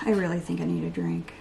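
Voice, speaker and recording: A woman in her thirties, a beauty vlogger, rambles and talks to herself while doing her makeup at home in a casual get-ready-with-me chat. Her voice is fairly low and mellow, with vocal fry and slight background noise.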